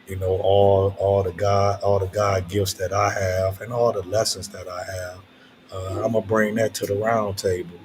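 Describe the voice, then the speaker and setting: Older man, low-pitched voice, reflective casual late-night talk, halting and repetitive, faint background noise. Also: flat delivery, darkish tone. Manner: reflective, halting, repeats phrases for emphasis.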